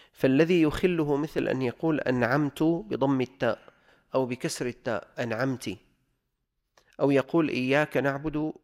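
A male religious teacher, his voice gravelly, at an ordinary middle pitch. He reads from a legal text and then explains it in everyday speech. He slows down to repeat each example. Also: a little mellow. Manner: repeats examples slowly for emphasis.

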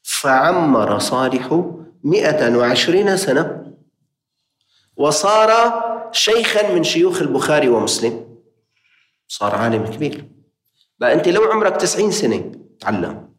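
A man's voice: medium pitch, reverberant. A man with a Levantine Arabic accent preaching a sermon, appealing directly and passionately to his listeners.

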